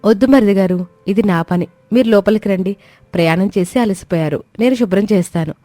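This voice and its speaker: A male narrator voicing a gentle, quietly clever young daughter-in-law who speaks softly and politely. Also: high voice, brisk, no echo, faint music behind, voice pushed up, natural voice. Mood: calm polite. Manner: soft, polite, composed.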